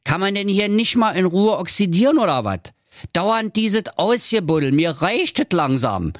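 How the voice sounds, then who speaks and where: A man's voice: high-pitched, very animated, normal speed, no echo, studio quality, pitched above the performer's own voice. A man voicing a cheeky, grumpy talking unexploded bomb that speaks in Berlin slang. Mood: grumbling. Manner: slangy, cocky, grumbling. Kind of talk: comic fairy tale reading.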